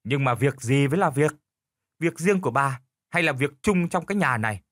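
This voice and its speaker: A man's voice: medium pitch, animated, fairly quick, a bit bright, no echo, clean studio sound. A man voicing a lazy, stubborn old village husband who argues back smugly. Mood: stubborn bickering. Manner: stubborn, quarrelsome.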